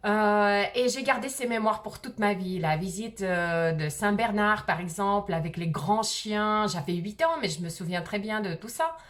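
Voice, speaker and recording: A woman's voice: mid-range voice, animated, moderate pace, hardly any pauses. Hesitant woman with faint Russian accent. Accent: slight Russian. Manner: hesitant, frequent "euh" fillers. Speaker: vlogger. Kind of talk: casual personal storytelling.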